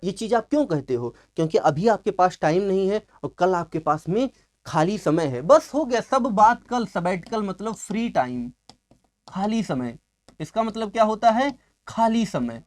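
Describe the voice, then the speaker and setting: A man's voice: high-pitched, lively intonation, unhurried, a little mellow. A man teaching English vocabulary in an exam-prep lecture, asking questions and answering them himself and stretching out key words for emphasis.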